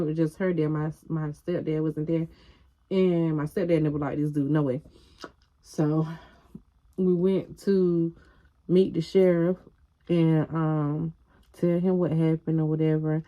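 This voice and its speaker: A young adult woman telling a personal story to her viewers in a casual, animated way, swearing freely and calling out to the audience. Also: low-pitched, muffled recording. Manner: animated, frank storytelling with profanity, addressing viewers. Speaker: vlogger.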